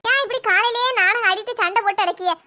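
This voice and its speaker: A woman's voice: extremely high pitch, fast, pushed and bright, a little hiss or hum. A woman doing an indignant young cartoon daughter-in-law. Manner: indignant, complaining, talks back.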